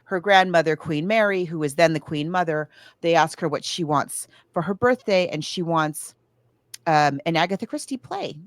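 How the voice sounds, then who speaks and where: This woman co-hosts a podcast and speaks at normal speed in a lowish voice. Her casual discussion of books and films is digressive, like she's thinking aloud, and the sound is dry and clean, as in a studio.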